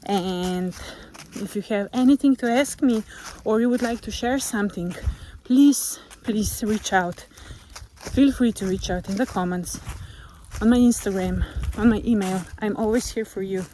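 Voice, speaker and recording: This vlogger speaks English, not her first language, with a Slovenian accent, sometimes hunting for words. She delivers a gentle, reflective motivational talk to the camera she carries on a nature walk. Her voice is medium-pitched at a measured pace, and the rough recording has a little hiss or hum.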